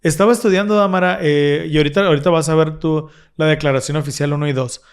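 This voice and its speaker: A man's voice: a little high, fairly even intonation, fast talker, clean tone. A man co-hosting a casual religious discussion, explaining earnestly and restarting his phrases often. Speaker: podcast co-host.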